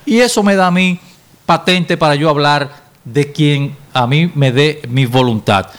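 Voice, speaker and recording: A man on talk radio with a slightly high voice. He builds his case rhetorically and leans on key words for emphasis. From Dominican Republic. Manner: argumentative, rhetorical, measured emphasis.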